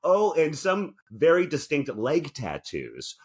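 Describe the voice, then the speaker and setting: This co-host speaks slowly in a husky, fairly high voice whose pitch swoops wildly. He jokes around casually on a talk show, reads aloud from articles, and makes theatrical, mock-indignant asides.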